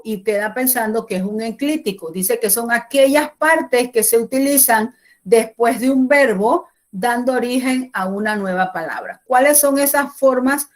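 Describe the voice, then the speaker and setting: A woman teacher explaining Spanish grammar rules in a class, going step by step and repeating the key points. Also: on the high side.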